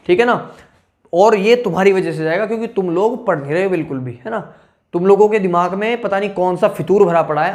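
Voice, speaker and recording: A male teacher giving exam advice to students in a blunt, scolding way, checking in with them again and again. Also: sits high. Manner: blunt, scolding, keeps asking "ठीक है ना".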